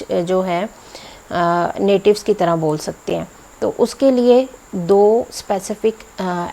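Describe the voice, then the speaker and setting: A woman whose first language is Urdu teaches a video lesson, her voice carrying a gravelly fry. She explains points in a steady, mid-pitched voice and slows down to say each example word on its own. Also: low-quality recording. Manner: slows down to spell out example words one by one. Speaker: spoken English teacher.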